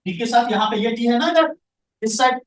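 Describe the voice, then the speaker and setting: A man's voice: very high-pitched, a little fast. A male science teacher lecturing a classroom, quizzing students and answering his own questions. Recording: echoey room, voice from far off the mic.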